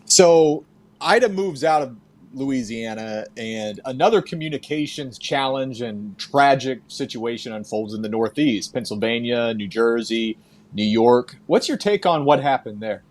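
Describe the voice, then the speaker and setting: A man's voice: medium pitch, animated, unhurried. A man hosting a podcast, asking questions and commenting in a conversational interview style. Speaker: podcast host.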